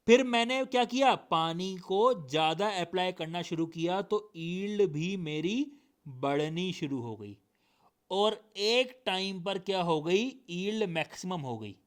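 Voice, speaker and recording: Man teaching, high voice, slow deliberate delivery, sore throat, reads definitions aloud word by word. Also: animated. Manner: drills points with repeated questions. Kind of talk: recorded lecture.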